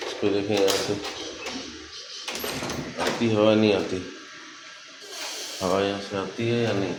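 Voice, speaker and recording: A man's voice: fairly low pitch, steady tone, takes it slowly, noisy background. A man vlogging casually at home, coaxing and sweet-talking his pet parrots. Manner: coaxing, affectionate talk to parrots. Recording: echoey room, faint background ambience.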